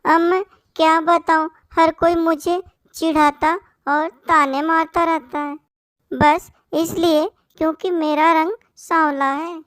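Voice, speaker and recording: A woman's voice: very high voice, little pitch movement, takes it slowly, dry recording, studio quality. A woman voicing a sad, sweet young female sparrow in a cartoon. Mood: sorrowful. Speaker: voice actor for a cartoon story.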